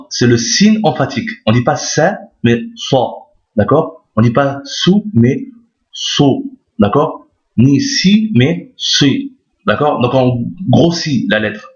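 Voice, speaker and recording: A man teaching Arabic reading step by step, patiently repeating each point and often checking that listeners follow. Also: medium pitch. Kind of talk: step-by-step lesson explaining letters on screen. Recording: roomy, dull lo-fi recording.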